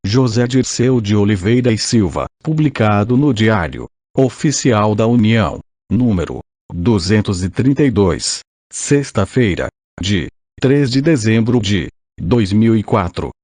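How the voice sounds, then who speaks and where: A man's voice: on the low side, expressive, measured pace, darkish tone, dry recording. A synthetic male voice from an old speech synthesizer with a Brazilian accent, mechanically reading a formal text as an audiobook. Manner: mechanical scripted reading, spelling out punctuation.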